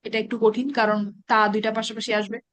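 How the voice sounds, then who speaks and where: A woman's voice: on the high side, little pitch movement, fairly bright tone, dry recording. Woman teaching grammar, dry close sound. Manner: recites verb conjugations slowly, then explains in quick asides. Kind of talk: online class lecture. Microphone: online meeting call.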